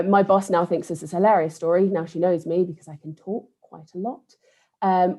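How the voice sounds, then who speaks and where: A woman from England with a lowish, mellow voice talks on a careers panel over a video call. She is chatty and eager and keeps restarting her sentences as she goes. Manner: chatty, enthusiastic, many restarts. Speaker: panellist, think tank team manager. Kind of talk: online careers panel talk.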